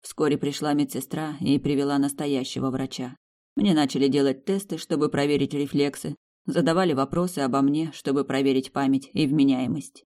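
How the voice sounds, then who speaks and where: An audiobook narrator reading a first-person fantasy novel in a plain, steady way. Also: medium pitch, brisk.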